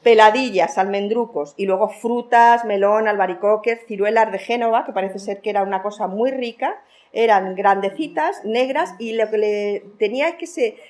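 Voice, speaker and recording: A woman from Spain giving an academic conference talk, lively, with fillers and laughter between points. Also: mid-range voice, normal speed. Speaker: lecturer.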